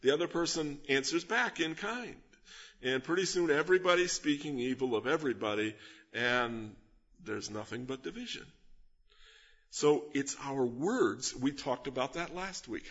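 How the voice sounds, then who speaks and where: Speaking at normal speed in a medium-pitched, slightly bright voice that is husky and somewhat breathy, a pastor preaches an expository sermon. He teaches with earnestness, stresses key words, and asks rhetorical questions, and the audio sounds slightly dull and lo-fi.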